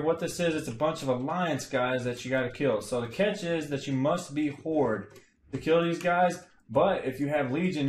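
A young man streaming from a home room, casually explaining a game farm with lots of fillers. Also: mid-range voice. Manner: relaxed, rambling, many fillers. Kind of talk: casual game guide commentary. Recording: echoey room.

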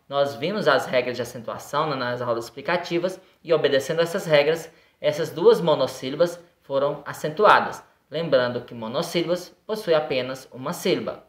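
A woman's voice: deep voice, fairly bright tone, echoey room. A Brazilian woman teacher going through a grammar lesson, patiently asking and answering her own questions and tagging lines with "né?" and "ok?". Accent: Brazilian Portuguese. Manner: often tags lines with "né?" and "ok?". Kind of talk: recorded grade-school grammar lesson.

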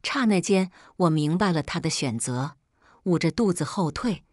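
Woman narrator, audio novel, lowish voice, dry close mic. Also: animated, moderate pace, darkish tone, dry recording. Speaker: story narrator. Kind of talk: first-person audio novel reading.

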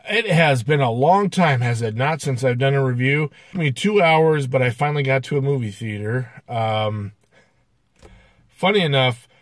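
A man's voice: medium pitch, no echo. A man hosting a casual film review, talking loosely and hesitantly with many fillers. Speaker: movie reviewer.

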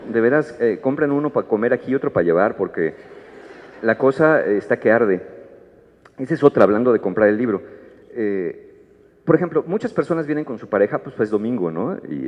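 A man's voice: medium pitch, darkish tone. A man with a Mexican accent giving a humorous talk about his book to a live audience at a book fair, acting out little dialogues in changing voices. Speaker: author presenting his book. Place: large hall at a book fair. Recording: dull echoey hall recording.

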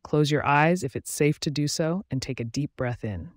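A man with a fairly high voice guides a meditation slowly and calmly, pausing between phrases in a soothing, even delivery. He is close to the microphone in a dry room without echo.

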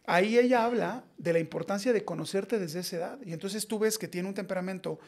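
A Mexican man in his forties, a podcast guest, telling personal stories in a blunt, slangy, animated way. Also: sits high, fairly quick. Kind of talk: casual podcast conversation.

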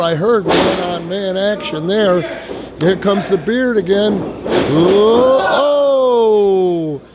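A man doing live play-by-play commentary on a pro wrestling match in a folksy, wry way. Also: sits high. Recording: noisy live event hall ambience.

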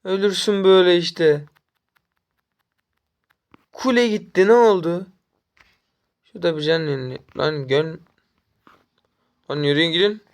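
A man's voice: fairly high pitch, unhurried, long pauses. Young man taunting while gaming. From Turkey. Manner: taunting, trash-talking the enemy; excitable, jumps up when chasing. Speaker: mobile game streamer. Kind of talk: live gameplay commentary.

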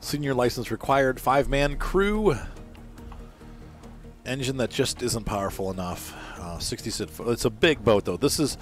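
A man's voice: medium pitch, expressive, normal speed, soft background music. A man reviewing a fishing game as he plays, talking casually, often correcting himself mid-sentence and apologizing. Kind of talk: casual gameplay commentary.

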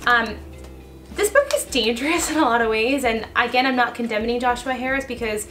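A young woman, a vlogger and YouTuber talking fast and chattily to her viewers. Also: on the high side, a bit bright, faint music behind. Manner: fast, chatty, laughing asides. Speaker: YouTuber and blogger. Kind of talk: casual vlog commentary.

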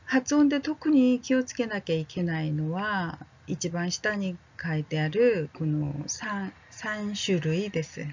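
Slow, gentle woman teaching vowels. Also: on the low side, animated, husky, dull audio. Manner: speaks slowly, drawing out vowel drills and checking in with learners; casual and friendly, with fillers like "ano". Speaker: Korean language teacher. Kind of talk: slow, gentle language lesson.

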